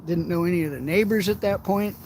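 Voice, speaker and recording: A middle-aged man with a fairly high voice spins rambling, profanity-laced anecdotes and often laughs between them. He sits outdoors by the water, and a faint outdoor hiss runs under his voice. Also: brisk, darkish tone. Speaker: outdoors vlogger. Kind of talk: casual storytelling while shore fishing.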